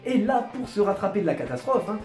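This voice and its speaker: A man's voice: sits high, sing-song, fast, a little mellow, soft background music. A man hosting a comedic video commentary, joking, mocking and self-deprecating. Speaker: YouTube host. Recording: roomy echo, no proper mic.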